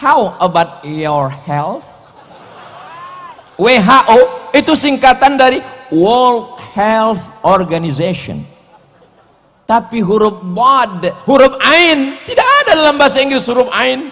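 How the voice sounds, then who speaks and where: A man giving a lively religious lecture, joking and acting out the voices he quotes. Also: very high voice, measured pace. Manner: animated, jokey, acts out quoted voices. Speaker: preacher. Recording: echoey hall.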